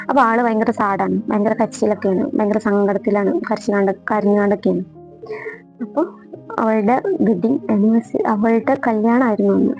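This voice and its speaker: A woman's voice: a little high, darkish tone. A woman, earnestly telling the story of her own marriage and often repeating herself. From Kerala. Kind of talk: emotional personal storytelling. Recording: dull lo-fi audio with faint music.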